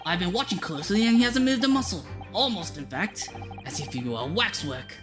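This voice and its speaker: A woman's voice: on the low side, animated, a little fast, over music, close to an everyday voice. A woman voicing a flamboyant, self-assured male Victorian detective in a theatrical, grandiloquent way. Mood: grandly deductive. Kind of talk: reading visual novel dialogue aloud.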